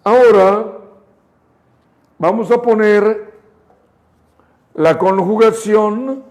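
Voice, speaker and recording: Very slow, high-voiced Mexican teacher. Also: male voice, animated, darkish tone. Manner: spells out each step, repeats example sentences slowly for students. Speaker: English teacher. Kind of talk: slow, deliberate grammar lesson.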